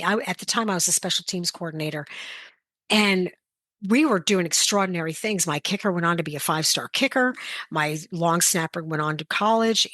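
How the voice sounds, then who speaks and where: A woman's voice: on the low side, a bit bright, no room sound. A woman coach hosting a motivational talk, direct and plain-spoken, sharing personal stories in a conversational way. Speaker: sports coach, motivational podcast host.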